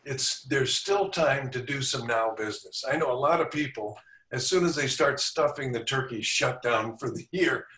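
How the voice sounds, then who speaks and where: A man's voice: mid-range voice, moderate pace, bright, forceful tone. Brief: male coach guest, confident teaching style, echoey room, sits back from the mic. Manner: confident, instructive coaching delivery. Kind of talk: podcast interview. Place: indoor room with a back wall. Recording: roomy sound, distant from mic.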